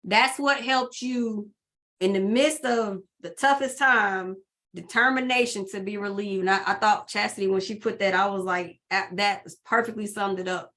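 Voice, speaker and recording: A woman's voice: medium pitch, fairly even intonation, normal speed, fairly bright tone. A woman hosting a group call, emotional and trying not to cry as she reads out comments. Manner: emotional, fighting back tears, reading comments. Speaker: host. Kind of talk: casual chat on a group call.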